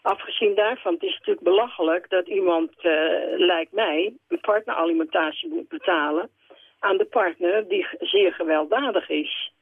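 A woman's voice: mid-range voice, animated, normal speed, slightly rough, no echo. Older woman calling in over a phone line. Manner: hesitant, many fillers. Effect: radio show caller on a phone line. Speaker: caller. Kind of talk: call-in radio question.

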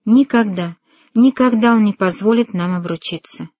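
A woman's voice: mid-range voice, moderate pace, warm tone, no echo, close to an everyday voice. A woman voicing a timid, fearful young woman in an audiobook, speaking anxiously and pleadingly.

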